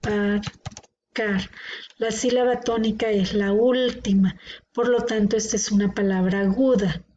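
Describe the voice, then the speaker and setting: A woman's voice: a little high, fairly even intonation, moderate pace, dark tone. A woman teaching a grammar lesson, patiently sounding out words syllable by syllable. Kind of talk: classroom grammar explanation. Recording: dull lo-fi recording with faint noise.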